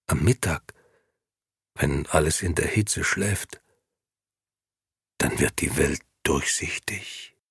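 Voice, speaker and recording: A man reading the part of an old street sweeper who speaks slowly and pauses to think. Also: deep voice, husky, no room sound, clean studio sound, full character voice. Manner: slow, pondering, pausing. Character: old male street sweeper, slow, thoughtful. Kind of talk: audiobook reading.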